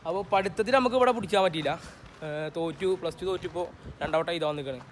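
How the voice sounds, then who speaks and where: High-pitched young man, chatty, Malayalam-English mix. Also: quick pace, a little hiss or hum. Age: young adult. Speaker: vlogger. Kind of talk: casual walking school-tour vlog.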